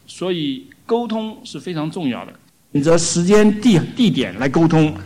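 A man preaching a sermon in short measured phrases, pausing for an interpreter. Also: on the high side, animated, dark tone. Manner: measured, teaching, pauses for interpretation.

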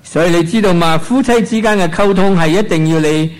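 A man's voice: high-pitched, a little fast. A man interpreting a sermon phrase by phrase, following the preacher closely with occasional restarts. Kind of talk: consecutive sermon interpretation into Cantonese.

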